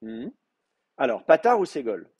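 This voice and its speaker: A man's voice: mid-range voice, very animated, unhurried, a little mellow, slightly rough. A man lecturing a Hebrew class, explaining patiently with many fillers and restarts. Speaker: Hebrew teacher. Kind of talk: university lecture.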